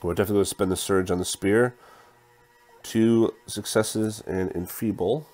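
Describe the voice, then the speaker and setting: A man's voice: fairly low pitch, steady tone, moderate pace, faint music behind. A man casually talking through a tabletop game playthrough, counting dice aloud and reading the game text. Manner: counts dice out loud, thinks through moves.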